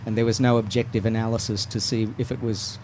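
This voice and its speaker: A man's voice: lowish voice, flat delivery, quick pace, background noise. A man as a radio talk show guest, explaining steadily with frequent restarts. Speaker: mountain bike advocacy guest.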